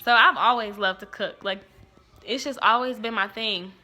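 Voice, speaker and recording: A woman's voice: fairly high pitch, moderate pace, pushed and bright. A young woman in her twenties, a cooking show host, telling a childhood story in a casual, chatty way full of fillers. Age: 20s.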